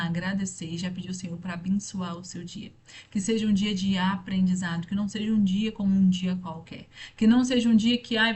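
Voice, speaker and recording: A woman's voice: mid-range voice, darkish tone, slight background noise. Earnest woman giving a faith talk. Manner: earnest, repetitive, direct address to listener. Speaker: faith speaker.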